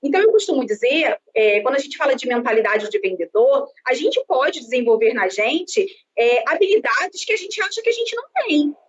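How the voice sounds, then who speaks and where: A woman's voice: high voice, brisk, hardly any pauses. A woman in her thirties with a Brazilian Portuguese accent, a sales and marketing consultant speaking in an expansive, outgoing way as a guest on a live-streamed interview. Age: 30s. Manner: expansive, lively, self-described outgoing talker. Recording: dull lo-fi sound with faint background noise.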